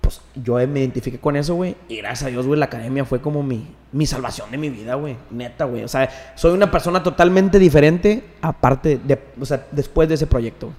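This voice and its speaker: A man's voice: mid-range voice, a little fast, hardly any pauses, darkish tone, big-room sound, slight background noise. A young man with a Mexican accent telling a story in casual chat, slangy, with "güey" in almost every phrase. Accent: Mexican Spanish. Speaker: podcast guest.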